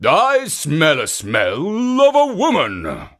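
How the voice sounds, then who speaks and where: A reader playing a loud, gruff hairy ogre. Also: mid-range voice, huge pitch swings, slow pace, pitched above the performer's own voice, exaggerated voice. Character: big hairy people-eating male ogre, sly.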